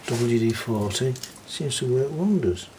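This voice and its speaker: With lively intonation and a measured pace, a man in a mid-range voice casually narrates as he cleans components of an old reel-to-reel tape deck he's repairing, keeping up a relaxed muttered commentary. Background noise can be heard.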